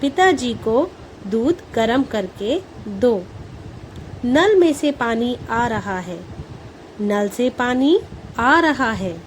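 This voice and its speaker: A woman's voice: fairly high pitch, a little hiss or hum, rough recording. A woman reading a scripted grammar lesson, saying each word carefully and repeating it. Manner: slow, even, careful pronunciation drills.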